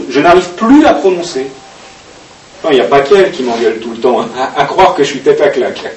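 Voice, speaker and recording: Reading from a diary, a man speaks haltingly but expressively, dropping in a filler now and then. His voice is a little high. The recording is distant and echoey, with faint hiss.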